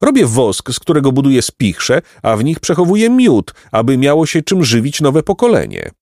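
A man voicing a tiny, hardworking female bee with a high, buzzing voice and a brisk, impatient manner. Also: wildly swooping pitch, darkish tone, dry recording, studio quality. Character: busy tiny female bee, curt, industrious.

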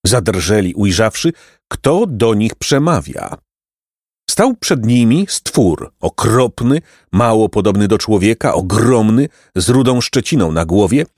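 Man reading a story with wild pitch swings. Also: unhurried, no echo, clean studio sound. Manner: expressive, dramatic reading. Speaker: narrator.

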